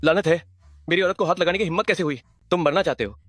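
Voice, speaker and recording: A man's voice: fairly high pitch, fast, dry recording, soft background music, close to an everyday voice. A man playing a protective young CEO. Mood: angry. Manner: sharp with enemies, soft and worried with her. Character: protective young male CEO, angry yet tender. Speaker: protective boyfriend, company boss. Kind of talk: Hindi dub of a drama.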